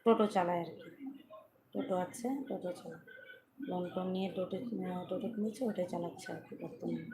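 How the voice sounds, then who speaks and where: A woman chatting softly and casually with viewers on a live stream from her veranda at night, speaking without an external mic and pleading for support. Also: lowish voice, fairly even intonation, fast talker, noisy background. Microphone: phone without external mic.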